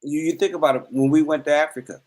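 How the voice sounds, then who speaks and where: A man's voice: fairly high pitch, steady tone, quick pace, a little mellow, poor audio. A man co-hosting a casual chat, explaining his point earnestly and at length, often repeating words as he goes. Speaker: co-host.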